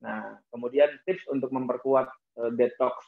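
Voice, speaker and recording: A man giving a motivational talk in a preacher-like way, often addressing his audience and softly imitating prayers. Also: mid-range voice, steady tone, moderate pace, gravelly. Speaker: motivational speaker. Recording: tinny phone-like sound.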